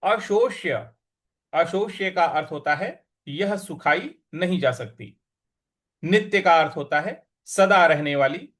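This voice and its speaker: A man teaching Sanskrit recitation, chanting verses slowly and drawn out, then explaining patiently and briskly. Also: fairly high pitch, lively intonation, fairly bright tone. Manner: patient, instructive. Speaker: scripture teacher.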